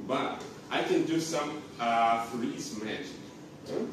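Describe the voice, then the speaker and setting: A man's voice: mid-range voice, slow. A man in his thirties performing as a kids party magician, asking children simple questions and prompting them to chant along in short phrases. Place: indoor kindergarten classroom with children seated around. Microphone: distant camera across the room. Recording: echoey noisy room, far-off camera mic.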